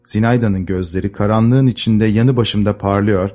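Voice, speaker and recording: Male narrator, lowish voice, measured, expressive, literary audiobook, faint music underneath. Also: dull audio.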